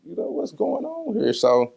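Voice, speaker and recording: A man with a high, gravelly, slightly rough voice talks at normal speed as a casual, candid interview guest answering personal questions. His speech is slangy and conversational, and he animatedly acts out what people said while telling stories.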